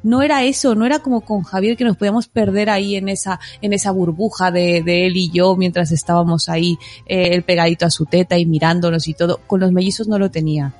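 A middle-aged woman from Mexico, co-hosting a casual podcast chat and telling lively stories with frequent laughs. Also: fairly low pitch, fast talker, hardly any pauses, soft background music. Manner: animated storyteller, laughs often. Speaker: podcast co-host.

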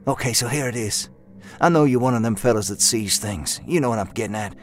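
A man voicing a young, rough-spoken country man with a folksy slang drawl, eager and haunted, in an audiobook. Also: mid-range voice, a little fast, soft background music, close to an everyday voice. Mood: confiding. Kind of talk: audiobook character voice.

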